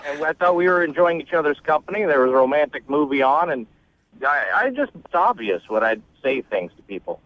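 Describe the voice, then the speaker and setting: A man's voice: a little high, very animated, fairly quick, dry recording. A man calling into a radio show, stammering defensive excuses about his behavior. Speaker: caller. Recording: muffled phone line.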